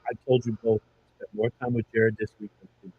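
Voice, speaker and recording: A man's voice: level tone, a little fast, a little hiss or hum. A man co-hosting a casual chat show, his voice coming through a bad mic that sounds muffled, far off and underwater. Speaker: podcast co-host. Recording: muffled faraway low-quality stream mic.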